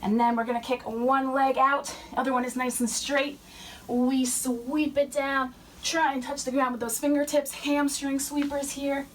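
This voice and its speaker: A young woman fitness instructor cueing warm-up moves while she exercises, a little out of breath. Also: sits high, little pitch movement, a little slow. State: slightly out of breath. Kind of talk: workout instruction. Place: fitness center. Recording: distant mic with faint room noise.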